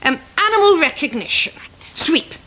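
Bossy, exasperated scout leader. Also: female voice, sits high, big pitch swings, moderate pace, fairly bright tone, a little hiss or hum. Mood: instructing. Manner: bossy, patient, exasperated instructions. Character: brisk middle-aged female scout leader, fond but exasperated. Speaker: scout leader in a children's puppet show. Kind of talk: children's TV comedy acting. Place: outdoor garden set.

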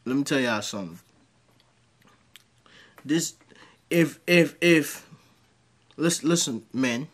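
A commentary host with a high-leaning voice speaks slowly, with long pauses, as he tells crude stories in a home-studio reaction video. He's an animated, rambling storyteller full of crude jokes, sitting in a dim home room lit green.

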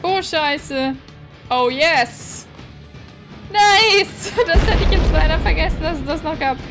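A woman giving casual gameplay commentary on a headset, excitable and swearing at the game. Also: high voice, takes it slowly, over music. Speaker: let's play gamer.

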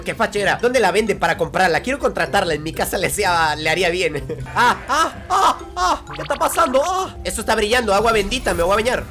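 Excitable gamer, yelling and joking. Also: male voice, high-pitched. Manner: loud, excitable, jokey, shouts and laughs a lot. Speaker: gaming streamer. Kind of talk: let's-play commentary.

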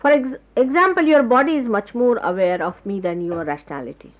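A woman giving a spiritual talk to followers, explaining patiently and pausing to search for words, on an old tape recording. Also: a little high. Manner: explanatory, gropes for words with pauses. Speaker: spiritual teacher. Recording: dull lo-fi 1979 tape recording.

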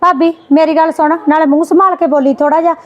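A woman scolding her sister-in-law in a Punjabi family drama skit, indignant and quick. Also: high-pitched, fairly even intonation, lo-fi sound.

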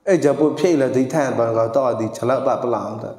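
A man's voice: medium pitch, quick pace, a little mellow. A man giving a traditional verse performance, declaiming with frequent exclamations and sometimes slipping into sung lines. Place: monastery hall. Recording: echoey hall with long reverb.

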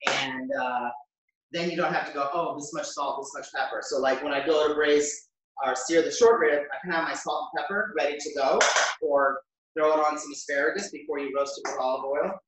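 An American chef in his fifties hosts a casual live cooking demonstration in his home kitchen, chatting informally and thinking aloud as he works. His voice is a little high and brisk. The camera sits a few metres away, so the very echoey kitchen sounds distant, with noisy background.

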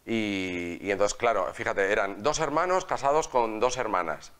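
A man's voice: fairly low pitch, normal speed, clear, resonant tone. Man telling stories on a TV set. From Aspe, Alicante, Spain. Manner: storytelling, lively, emphatic hand gestures. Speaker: guest. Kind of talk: conversational interview. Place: small TV studio set. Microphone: lapel.

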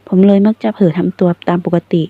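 A woman's voice: brisk, dry recording, lightly acted. A woman voicing an irritable, defensive young man who snaps and sulks. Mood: irritated. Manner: snappish, sulky. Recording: tinny phone-like sound, dry.

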